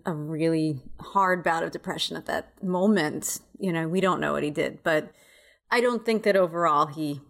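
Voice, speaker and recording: A woman's voice: lowish voice, gravelly. A woman co-hosting a podcast, weighing in on the discussion in a thoughtful but blunt, casual way. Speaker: podcast co-host.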